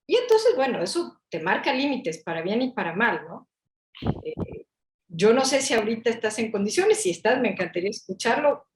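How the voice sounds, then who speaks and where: A woman giving spoken academic feedback in a didactic way, with rhetorical questions and frequent short check-in tags. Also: a little high. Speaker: academic commentator. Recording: echoey, roomy sound.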